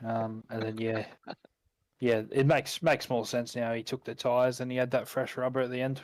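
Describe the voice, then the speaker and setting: Flat-toned, laid-back Australian man. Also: mid-range voice, normal speed, no echo, low-quality recording. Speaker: sim racing driver. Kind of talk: casual post-race interview.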